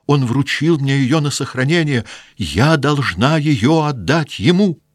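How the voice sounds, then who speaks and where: Devout young daughter, high and loud, begging with passion, read by a man. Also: expressive, measured pace, no echo, studio quality. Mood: pleading. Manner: impassioned, loud pleading.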